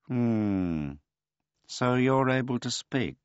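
A man voicing a weary, laconic elderly male tomcat who speaks in a dry, unhurried, noncommittal way. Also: medium pitch, lively intonation, smooth, no room sound, muffled recording, voice pushed up.

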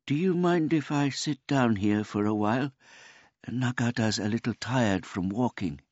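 A man's voice: medium pitch, a little slow, a little mellow, no echo, muffled recording, pitched above the performer's own voice, natural voice. Man doing a meek, simple old man. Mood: earnest. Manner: talks of himself in the third person, meek and courteous.

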